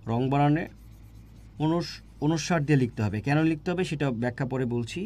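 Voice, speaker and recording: A man's voice: a little high, fairly quick, a little mellow. Repetitive male teacher. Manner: repetitive, asks students "right?" often. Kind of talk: exam-prep grammar lesson.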